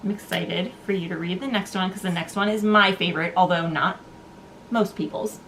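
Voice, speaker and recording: A woman's voice: lowish voice, brisk, fairly bright tone. A woman co-hosting a book review, chatting casually in rambling, informal, stop-and-start phrases. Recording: noticeable background noise.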